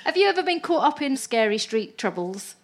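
A woman's voice: sits high, very animated, brisk, background noise. A woman hosting a comedy panel, asking questions and bantering bluntly with some swearing.

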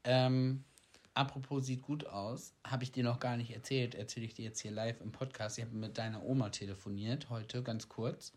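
A man's voice: medium pitch, fairly even intonation, normal speed, darkish tone. A man co-hosting a podcast, talking in a casual, conversational style. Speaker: podcast co-host. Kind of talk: casual chat.

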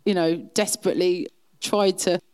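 Middle aged essex woman chatting away, smooth lowish voice, poking fun at herself telling stories. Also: fairly even intonation, moderate pace, darkish tone, low-quality recording. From south-east England. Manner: chatty, self-deprecating. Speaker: interview guest. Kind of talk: casual anecdotal chat.

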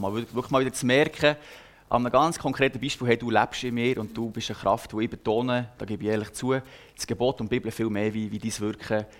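A man's voice: mid-range voice, a bit bright. A young man with a Swiss accent gives a personal sermon, telling a story in an earnest, conversational way with frequent hesitations. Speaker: preacher.

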